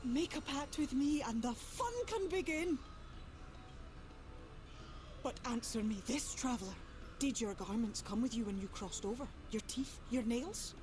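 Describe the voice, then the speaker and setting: A woman acts out a mischievous fantasy game pixie with a very high, lilting voice. She speaks like a leprechaun, theatrical and excitable, with a regal streak. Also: unhurried, music in the background, lightly acted. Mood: grand, teasing. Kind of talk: scripted fantasy video game acting.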